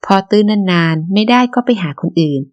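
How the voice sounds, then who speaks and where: A woman's voice: lowish voice, lively intonation, moderate pace, muffled recording, natural voice. A woman voicing a proud, blunt female university student who speaks with cool self-assurance. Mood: cool, frank.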